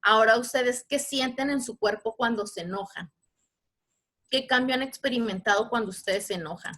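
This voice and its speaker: A woman with a Mexican Spanish accent runs a live online workshop over a video call. Her voice sits a little high, and she speaks patiently while asking the audience questions. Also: moderate pace, fairly bright tone. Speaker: workshop facilitator.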